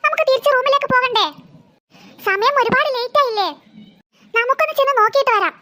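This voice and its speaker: Performer doing weary cartoon mum reasoning with kids, high bright voice. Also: quick pace. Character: tired mother short of money.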